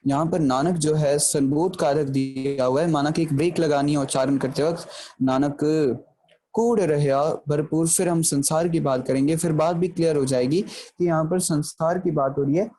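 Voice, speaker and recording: A man giving an explanatory grammar lecture, patiently checking in with the listener and slowing down to recite verse lines for emphasis. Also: on the high side, fairly even intonation, mellow, a little hiss or hum. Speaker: Gurbani grammar teacher.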